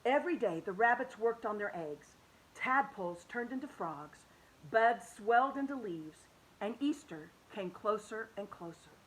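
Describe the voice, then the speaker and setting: A woman reading a children's picture book aloud, expressive and animated, dropping to soft hushed tones. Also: medium pitch, measured pace, low-quality recording. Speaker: children's story reader.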